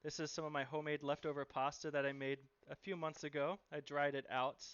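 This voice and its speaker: A man's voice: a little high, level tone, a little fast, a bit bright, clean tone, no room sound, highs cut off. A man running a live cooking stream, chatting and cheerfully thanking viewers as he cooks.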